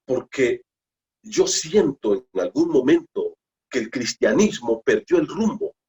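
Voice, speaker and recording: A man's voice: a little high, darkish tone, dull audio. A man preaching a Bible study sermon, emphatic, repeating phrases and asking rhetorical questions. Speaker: pastor.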